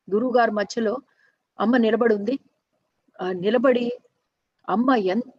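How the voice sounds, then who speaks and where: A woman with a somewhat high voice tells a story off the cuff, earnest and halting, often breaking off to restart her sentences. The recording sounds a little muffled and lo-fi. The room is dry, with no echo. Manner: earnest, halting, frequent restarts and self-corrections. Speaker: storyteller and workshop teacher. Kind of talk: unscripted spoken storytelling.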